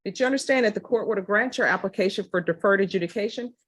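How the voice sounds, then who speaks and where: A woman presiding as judge in a courtroom recording, putting formal questions in a brisk, businesslike way. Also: mid-range voice, breathy edge. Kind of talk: formal plea hearing questioning.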